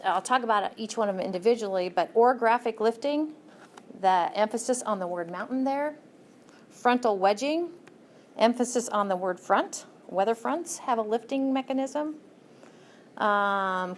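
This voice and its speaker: A woman teaching a college class in a classroom, explaining each step patiently and pausing to ask "okay?". Her voice sits in a middle range. A faint hiss runs under the recording. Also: medium pitch. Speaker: college lecturer. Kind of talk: classroom lecture.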